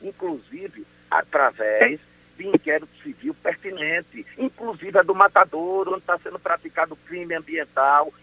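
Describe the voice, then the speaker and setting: Um homem, promotor de justiça, falando por telefone numa entrevista de rádio matinal, enfático e indignado. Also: male voice, sits high, very animated, moderate pace, vocal fry, sharp tone, husky, low-quality recording. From Brazil. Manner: emphatic, indignant, insistent. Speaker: public prosecutor. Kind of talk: phone interview on morning radio.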